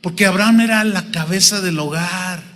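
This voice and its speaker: A man with a Mexican accent preaching a sermon as pastor, humorous and animated, acting out little dialogues. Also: high-pitched, moderate pace. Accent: Mexican Spanish. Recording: long reverb of a big hall.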